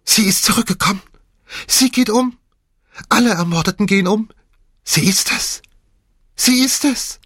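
Brief: hysterical young woman in an audiobook, male reader, very high, piercing shriek. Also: unhurried, pauses often, fairly bright tone, breathy edge, dry recording, full character voice. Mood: terrified shrieking. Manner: shrieking, frantic.

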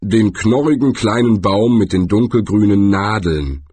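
A troll hiding as a stone in a storybook, calm, chatty and matter-of-fact, set somewhat lower than the reader's own voice, as a male narrator puts him on. The tone stays husky and close. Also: unhurried, no echo. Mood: deadpan.

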